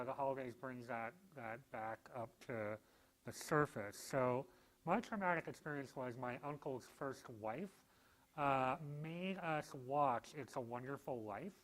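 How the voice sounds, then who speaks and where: A man's voice: mid-range voice, fairly bright tone, rough recording. Dry-humored male law professor lecturing. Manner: dry, self-deprecating humor with frequent fillers. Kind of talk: public lecture.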